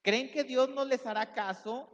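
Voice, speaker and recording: A man's voice: very high-pitched, unhurried. A man giving a sermon as pastor, preaching with emphatic rises and acting out quoted voices. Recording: dull sound with long hall reverb.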